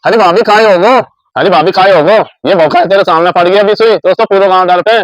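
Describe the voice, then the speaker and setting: A man with a Rajasthani accent playing a brother-in-law in a village comedy sketch, talking loudly. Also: high voice, fast talker, no echo, low-quality recording.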